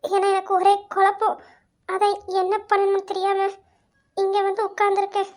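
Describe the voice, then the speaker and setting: A woman's voice: very high voice, steady tone, a little fast. A woman voicing Asha, a torn young village woman who stammers and pleads in an amateur audio drama. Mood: hesitant.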